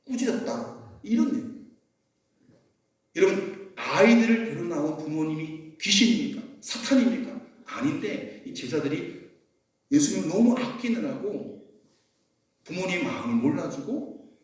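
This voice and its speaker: A man's voice: fairly high pitch, sing-song, unhurried, long pauses. A male pastor preaching a sermon, emphatic, often putting questions to the congregation. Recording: echoey church hall, mic far off.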